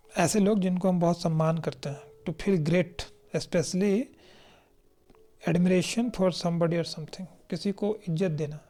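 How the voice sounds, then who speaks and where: This is a teacher from India, recording an exam-prep vocabulary lesson. The voice is mellow and even, with faint music in the background. The delivery is explanatory and patient, with frequent check-ins and slow, careful readings of definitions. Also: mid-range voice. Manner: explanatory, checks in often with "right?"; slows down to read definitions aloud.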